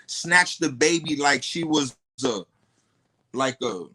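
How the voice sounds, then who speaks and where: A man's voice: fairly high pitch, slow. Man retelling a story, stumbling, slangy. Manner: stumbling repetitions and heavy street slang; profane, animated retelling. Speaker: podcast guest. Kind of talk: casual storytelling.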